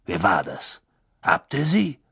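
A man's voice: sits low, wildly swooping pitch, slow pace, vocal fry, sharp tone, breathy edge, voice pushed down, heavily acted. A man voicing a flustered, round-faced wizard who talks in a breathless, jumpy way. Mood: puzzled.

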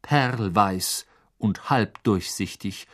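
A man narrating an audiobook in an expressive, dramatic storytelling manner. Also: on the low side, drawn-out words.

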